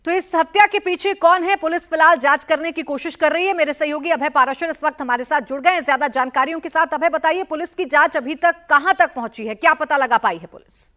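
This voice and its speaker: A woman's voice: sits high, a little fast, few pauses, a bit bright. A woman anchoring a television news bulletin, reading a crime report with urgent, dramatic delivery.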